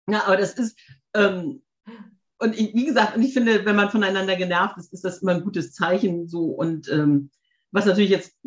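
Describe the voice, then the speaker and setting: A woman chatting casually, telling lively anecdotes with many fillers and asides. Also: fairly low pitch, echoey room, lo-fi sound. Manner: chatty, animated storytelling, frequent fillers. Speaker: podcast guest, dog owner. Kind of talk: casual conversation.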